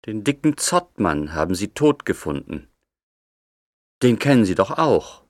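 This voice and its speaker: An actor playing a gruff, blunt, suspicious man in an audio drama. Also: on the low side, big pitch swings, measured pace, no room sound, studio quality. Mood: agitated. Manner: blunt, agitated, rough-spoken.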